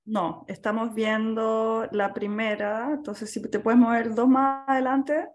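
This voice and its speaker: A woman from Chile, a business consultant, presenting on a video call in a slow, careful and polite way. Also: fairly high pitch, fairly even intonation.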